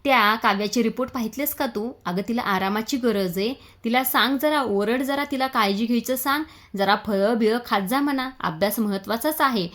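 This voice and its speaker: A woman puts on a fussy older man from a family serial who scolds out of care. Her pitch lifts a little above her plain telling. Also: moderate pace, fairly bright tone, close to an everyday voice. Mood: scolding. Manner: scolding, caring. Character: fussy older father figure.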